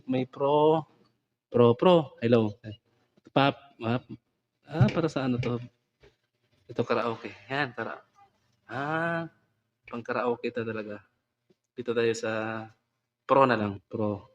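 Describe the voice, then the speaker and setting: Slow casual guy vlogging into a new condenser mic, chuckles a lot. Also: medium pitch, a little mellow, muffled recording. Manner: chatty, giggly, trying out gear. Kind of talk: casual vlog chat. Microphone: condenser microphone.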